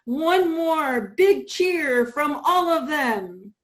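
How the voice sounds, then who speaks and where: A woman with a high, expressive voice serves as MC of a stage event, introducing performers at a live show with an enthusiastic, showy delivery. She speaks extremely slowly, and the recording is rough.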